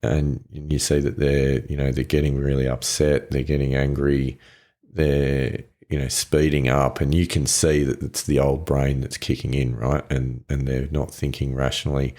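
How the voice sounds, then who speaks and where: A man with an extremely deep voice chats on a podcast. He rambles through examples and asks his co-host leading questions. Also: little pitch movement, moderate pace, a little mellow. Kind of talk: casual podcast conversation.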